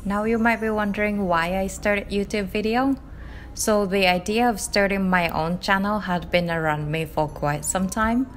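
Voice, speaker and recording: A young woman from Japan with a Japanese accent, narrating her knitting vlog in a calm, gentle, chatty way; English is not her first language. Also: mid-range voice, moderate pace, faint music behind. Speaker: knitting vlogger. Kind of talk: voice-over narration.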